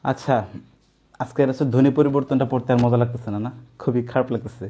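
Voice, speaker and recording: A man's voice: mid-range voice, little pitch movement, fast, dark tone. A young man teaching an online coaching class, explaining step by step and asking his students questions, with casual asides.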